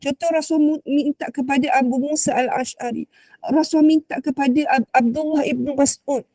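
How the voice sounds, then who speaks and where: A Malaysian woman religious teacher speaks in a high voice, talking in a loose conversational way with frequent tag questions. She recites verses slowly and carefully. The recording is dry and close, with no room sound. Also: fairly even intonation, dark tone, no echo. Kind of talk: religious talk.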